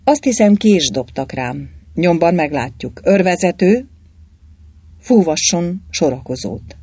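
A man's voice: fairly high pitch, expressive, mellow, husky, dry recording. A narrator voicing a cool-headed man in overalls who gives curt orders. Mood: tense. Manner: curt, commanding. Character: tough, cool-headed male driver in overalls.

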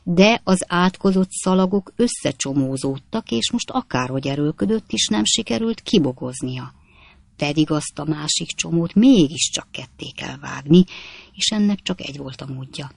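A man reading a classic novel aloud as audiobook narrator, in measured storytelling. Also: fairly high pitch, lively intonation, creaky, no room sound. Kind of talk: scripted narration.

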